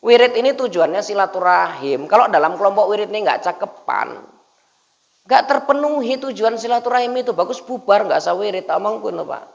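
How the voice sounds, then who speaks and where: Joking male preacher, gravelly voice. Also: high-pitched, animated, a little fast, in a large hall. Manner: jokey, teasing the congregation, frequent "Pak" asides. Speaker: Islamic preacher. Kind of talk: humorous dawn sermon. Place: mosque gathering. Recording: dull lo-fi recording.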